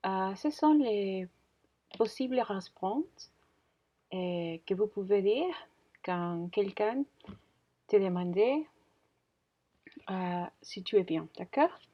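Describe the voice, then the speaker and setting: Woman in her thirties, very slow hesitant teacher, muffled lo-fi sound. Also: mid-range voice, expressive. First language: Spanish. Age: 30s. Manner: hesitant, many fillers and self-corrections. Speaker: French teacher. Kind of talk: slow beginner language lesson. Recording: dull lo-fi audio.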